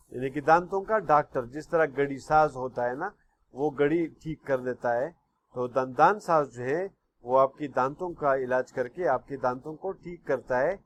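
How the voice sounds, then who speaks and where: Man, school teacher, online class lesson, patient and repetitive, slightly high-pitched. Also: a bit bright. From Pakistan. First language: Pashto. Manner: patient, repeats words slowly, keeps asking "okay?".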